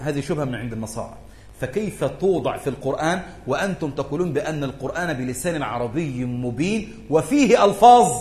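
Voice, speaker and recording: A man's voice: medium pitch, a little hiss or hum. A man giving a religious lesson to students in a lecture room, often checking whether they follow and stressing points emphatically. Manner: keeps asking if students follow, rises emphatically. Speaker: religious teacher. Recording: echoey room.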